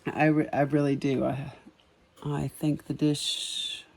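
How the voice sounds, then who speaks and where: A sketch artist and empathic reader chatting casually outdoors on a spring evening, musing about a drawing with many ums and soft chuckles. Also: mid-range voice, little pitch movement, takes it slowly, creaky, slight background noise.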